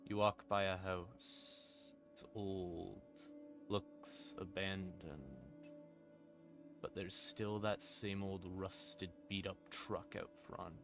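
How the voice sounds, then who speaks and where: Speaking very slowly in a low, level voice with vocal fry, a livestream storyteller rambles and narrates atmospheric horror in the second person. He's casual and pokes fun at himself, with creepy ambient music underneath.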